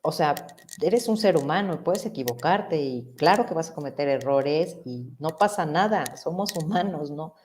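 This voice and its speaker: A woman's voice: deep voice, lively intonation, moderate pace, few pauses, a little mellow, a little hiss or hum. A middle-aged woman psychologist, explaining ideas in a reflective way and asking rhetorical questions. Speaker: psychologist guest. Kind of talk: conversational explanation.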